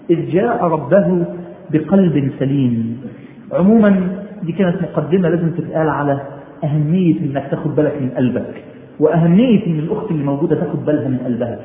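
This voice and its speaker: A man with an Egyptian Arabic accent preaching a religious sermon in colloquial speech, exhorting listeners with emphatic rhetorical questions and recited quotations. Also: sits high. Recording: tinny phone-like sound, echoey room, noise.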